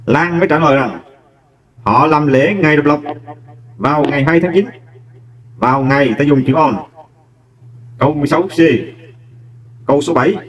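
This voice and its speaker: A male teacher talks students patiently through an exam question by question, his voice sitting somewhat high. He sounds a little distant from the microphone. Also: moderate pace, pauses often. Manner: explains step by step, addressing students warmly as "các em". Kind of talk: exam walkthrough lesson.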